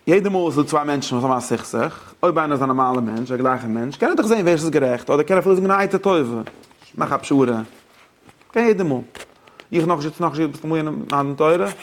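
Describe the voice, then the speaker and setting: With a slightly high, animated voice and a fairly quick pace, a male teacher of religious law leads a lively study-hall lecture. He combines German, English and Yiddish with rabbinic terms and directs questions at his audience.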